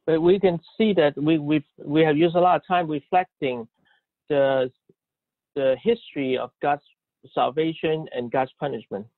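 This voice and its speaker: Halting male interpreter on a tinny line. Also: a little high, fairly even intonation, dry recording. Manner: halting, with many restarts and cut-off words. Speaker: sermon interpreter. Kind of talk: live consecutive interpretation. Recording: dry, tinny phone-like line.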